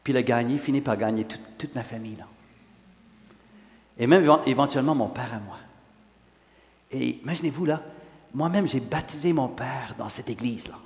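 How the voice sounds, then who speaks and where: A man in his sixties from Western Canada, a pastor whose first language is English, giving an animated sermon testimony full of "là" fillers. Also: mid-range voice, fairly quick, long pauses. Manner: animated, rising in emphasis, frequent "là" fillers. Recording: long hall reverb.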